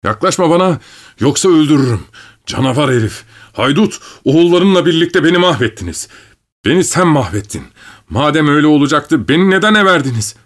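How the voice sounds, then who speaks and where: A man voicing a young male peasant conscript, desperate and volatile, who pleads bitterly and then yells wildly. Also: mid-range voice, animated, moderate pace, long pauses, pitched above the performer's own voice, close to an everyday voice. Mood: raging, shouting.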